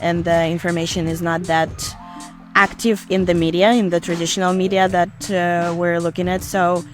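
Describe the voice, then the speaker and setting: A seminar participant speaking in a measured, reflective way about the war and the seminar. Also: mid-range voice, level tone, faint music behind. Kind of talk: interview testimonial.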